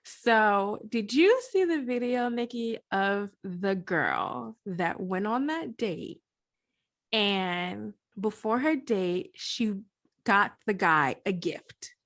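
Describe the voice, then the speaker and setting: A woman hosting a casual podcast, talking in an animated, slangy way and laughing often. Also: mid-range voice, slow. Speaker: podcast host.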